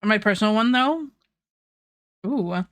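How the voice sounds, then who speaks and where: A woman's voice: medium pitch, lively intonation, slow, no echo. A young woman streaming, chatting casually with viewers while eating, laughing often and swearing freely.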